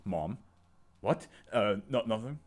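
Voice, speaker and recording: A man giving casual, joking, foul-mouthed reaction commentary on an animated show as host. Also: fairly low pitch, takes it slowly. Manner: joking, foul-mouthed, riffing in mock voices.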